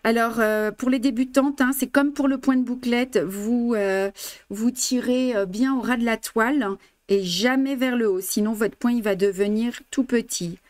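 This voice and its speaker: A woman's voice: fairly high pitch, moderate pace, dry recording. A woman teaching traditional embroidery on a live stream, giving patient step-by-step instructions full of fillers and chatting with her viewers. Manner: chatty, greets and answers viewers' comments. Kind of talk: live craft demonstration, switching languages.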